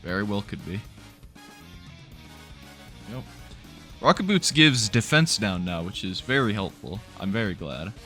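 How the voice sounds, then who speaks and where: A young man giving casual, animated let's-play commentary, laughing and swearing often while playing. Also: on the low side, unhurried, long pauses, faint music behind. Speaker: gaming YouTuber. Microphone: new studio mic.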